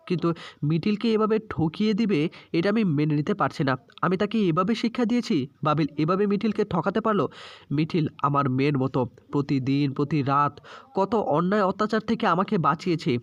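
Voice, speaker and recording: A man's voice: high voice, a bit bright, dry recording, dull audio. A man voicing a grieving middle-aged mother, pleading and anguished.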